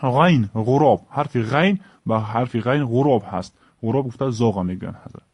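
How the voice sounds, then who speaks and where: A man with a Tajik accent teaching the Arabic alphabet, saying each letter and word slowly and repeating it. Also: mid-range voice, a little mellow, dry recording. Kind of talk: alphabet lesson.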